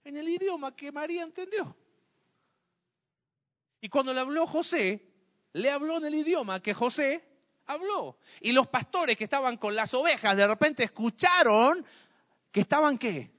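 A man's voice: very high-pitched, expressive, moderate pace, pauses often, sharp tone, long reverb tail. A man teaching a Bible study lesson. He asks his listeners questions, answers them himself and explains with everyday examples.

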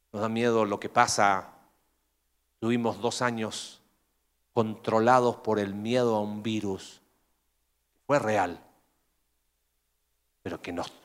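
A man preaching a sermon with animated delivery, asking rhetorical questions and acting out quoted voices. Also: medium pitch.

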